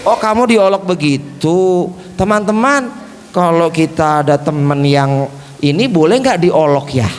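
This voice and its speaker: A man leading a children's puppet show, gently coaxing and questioning the young audience as he teaches. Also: on the high side, expressive, unhurried. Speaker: children's religious storyteller. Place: mosque hall. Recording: reverberant mosque hall.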